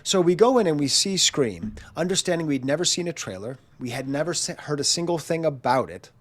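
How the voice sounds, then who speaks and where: In a casual monologue, a channel host in his forties acts out quotes while telling a self-mocking story, his voice nasal and congested from a chest cold. He speaks briskly in a sing-song voice that's a little high.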